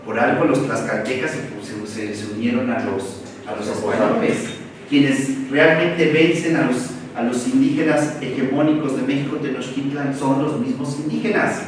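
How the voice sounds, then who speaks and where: Animated Mexican man lecturing in an echoey room. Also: mid-range voice, moderate pace. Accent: Mexican Spanish. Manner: animated, rhetorical questions, colloquial asides. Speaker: seminar lecturer. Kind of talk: university seminar lecture. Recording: echoey room, far from the mic, faint noise.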